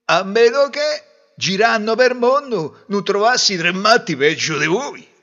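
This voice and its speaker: A man voicing a fed-up young groom, scolding loudly and sarcastically. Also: high voice, wildly swooping pitch, a little fast, voice pushed up, exaggerated voice. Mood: exasperated. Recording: dull lo-fi recording.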